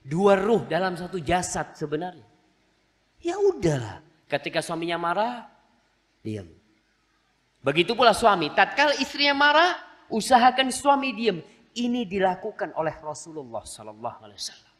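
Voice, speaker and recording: A man's voice: high-pitched, normal speed, pauses often, big-room sound. A man preaching a sermon, telling stories animatedly and acting out the voices of the people in them, mixed in. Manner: animated storytelling, acts out quoted voices. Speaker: Islamic preacher.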